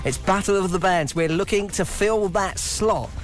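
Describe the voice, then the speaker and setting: A man hosts a radio show with a noticeably high voice. He presents in an upbeat, chatty style from a small studio. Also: normal speed. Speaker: radio host.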